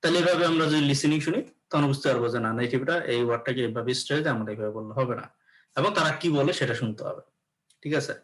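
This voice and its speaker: A man's voice: mid-range voice, very fast, a bit bright. A man giving an explanatory classroom lecture as an English teacher, often checking in with his students. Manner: explanatory, repeats "okay" to check in.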